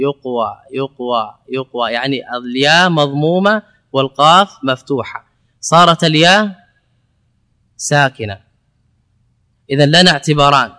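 A man giving a classroom lecture on Arabic grammar, explaining step by step, asking and answering his own questions and repeating words slowly as a drill. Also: on the high side, bright, forceful tone.

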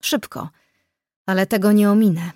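A woman reading the part of a calm, methodical woman who works with death magic, speaking slowly and in a measured, matter-of-fact way. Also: mid-range voice, dry recording, studio quality, close to an everyday voice.

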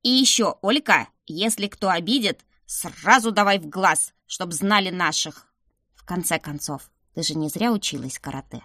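A woman voicing a stern, sharp-tongued old grandmother who grumbles and scolds, in an audiobook reading. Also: medium pitch, a little slow, hardly any pauses, no echo, clean studio sound. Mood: gruff.

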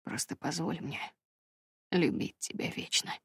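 A woman reading the part of a remorseful young fisherman in love, speaking low in a husky half-whisper. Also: a little slow, no echo, clean studio sound, exaggerated voice. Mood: devoted. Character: remorseful crab-fisherman lover, young man.

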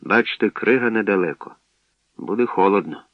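A man's voice: fairly low pitch, normal speed, no echo, natural voice. A man voicing a determined boy who leads his friends, speaking in short, commanding phrases, on a dull lo-fi radio recording. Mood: firm. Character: steady, determined boy leader.

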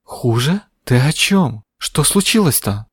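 A man voicing a loud, scolding elderly woman shopkeeper in a dry audiobook recording. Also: mid-range voice, big pitch swings, measured pace, slightly rough, no room sound. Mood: indignant. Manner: fussing and bellowing. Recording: dry studio sound.

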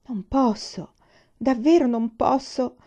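A woman voicing a frightened male jailer who pleads in a high, whining voice, read from a storybook. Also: slow, darkish tone. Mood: pleading. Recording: dull lo-fi recording.

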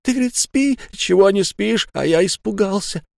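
A man's voice: medium pitch, normal speed, darkish tone, dry recording, clean studio sound, natural voice. A man voicing an anxious male psychiatric patient who mumbles and swallows syllables, in a storybook reading. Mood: agitated frightened.

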